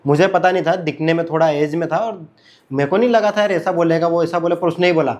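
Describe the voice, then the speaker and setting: Man telling a story, fairly high voice. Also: fast talker, darkish tone, highs cut off. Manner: conversational, repeats phrases, fillers. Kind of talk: casual personal storytelling.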